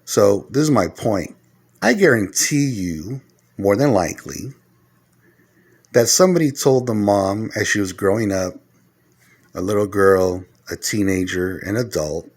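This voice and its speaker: A middle-aged man with a fairly low voice talks straight to his viewers in a lecturing, earnest way, counting off his points. When he relives a quarrel he turns loud and heated. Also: expressive, measured pace. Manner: grows loud and heated when retelling arguments. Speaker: vlogger giving life advice. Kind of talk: casual monologue to camera.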